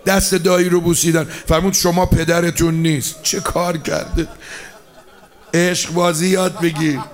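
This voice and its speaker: A high-voiced man preaching a mourning sermon with fervour. He moves between spoken storytelling and chanted lament, pushing his voice up when he cries out. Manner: impassioned, swings between speaking and chanted lament.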